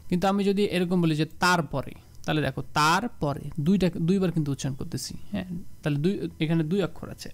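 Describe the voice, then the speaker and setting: A young man from Bangladesh giving a casual exam-prep lesson, explaining rules step by step and repeating examples slowly. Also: a little high, gravelly. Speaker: exam tutor.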